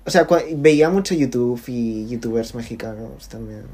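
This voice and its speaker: A young man being interviewed in casual conversation, talking haltingly with many fillers and restarts. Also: mid-range voice, darkish tone. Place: lives in Barcelona.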